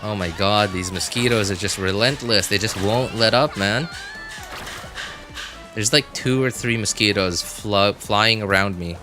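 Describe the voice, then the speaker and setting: A man with a voice on the low side livestreams games, talking with viewers at a measured pace over music. His casual chat rambles and hesitates, often backtracking and hedging.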